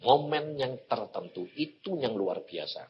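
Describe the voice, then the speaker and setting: A male evangelist preaching a sermon, telling a humorous personal story and jumping between shouts and low asides. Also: expressive, measured pace. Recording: dull lo-fi sound, faint background noise.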